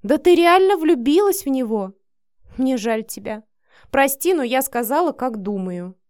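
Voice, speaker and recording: A chattering, outspoken young woman who gossips with a quick laugh, voiced by a female narrator. Her lines ride high and bright, and the close recording is dry. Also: lively intonation, dry recording. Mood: lively.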